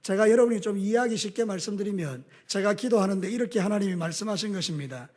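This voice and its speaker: High-voiced Gyeongsang Korean pastor preaching. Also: male voice, quick pace. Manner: animated preaching with homely anecdotes and call-and-response. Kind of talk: sermon.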